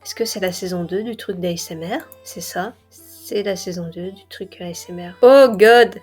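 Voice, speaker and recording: A woman's voice: on the low side, fairly even intonation, moderate pace, darkish tone, breathy edge, soft background music. A tired woman with a French accent, talking casually and offhandedly as an anime vlogger, full of fillers. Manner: tired, offhand, laid-back commentary with many fillers. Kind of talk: casual chat.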